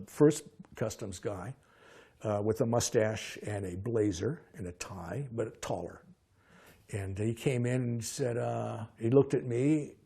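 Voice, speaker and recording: An older man recalling personal memories as a lively storyteller, often halting and restarting his sentences. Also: medium pitch, vocal fry, slightly rough. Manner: halting, frequent restarts and fillers.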